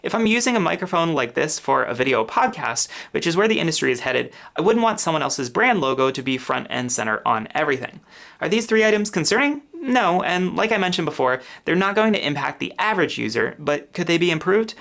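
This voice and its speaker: A man's voice: fairly high pitch, very animated, brisk, gravelly, fairly bright tone. A man hosting a gear review, explaining features step by step in a methodical way, speaking close to a podcast microphone at his home office desk. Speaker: gear reviewer and channel host. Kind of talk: product review walkthrough. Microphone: podcast microphone a couple inches from mouth.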